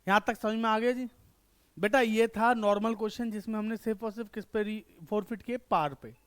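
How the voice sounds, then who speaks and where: High-voiced man teaching accounts. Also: a bit bright, smooth. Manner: quizzes students with quick questions and answers himself; repeats checks for understanding. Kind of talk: online class lecture.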